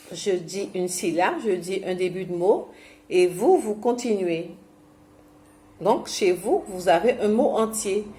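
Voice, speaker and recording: A woman's voice: mid-range voice, mellow. A woman from Guadeloupe leading a memory and movement exercise for seniors at home. She talks in a chatty, hesitant way, full of fillers and restarts, and films herself on a camera mic. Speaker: senior fitness and memory instructor. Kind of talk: instructional talk to seniors at home. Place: home, self-filmed.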